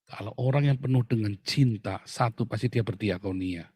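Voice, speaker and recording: A male pastor, preaching in an animated, mocking way that swings from loud outbursts to low asides. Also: normal speed, husky, dry recording, studio quality. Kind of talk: sermon.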